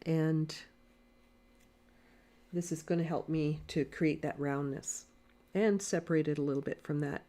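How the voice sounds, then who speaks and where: A woman teaching watercolor painting in a live lesson, speaking quietly and thinking aloud as she paints, on a desk mic. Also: low-pitched, fairly even intonation, unhurried. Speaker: watercolor art instructor. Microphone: desk mic near camera.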